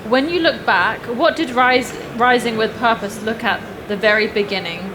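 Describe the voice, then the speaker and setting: A woman's voice: fairly high pitch, moderate pace. A young adult woman hosting a fireside interview, upbeat and gushing, with fillers. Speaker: interview host. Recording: clear background noise.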